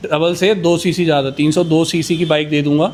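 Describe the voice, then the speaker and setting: A man pitching used superbikes in a casual, boastful way, rattling off price countdowns. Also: level tone, a little fast, darkish tone, a little hiss or hum.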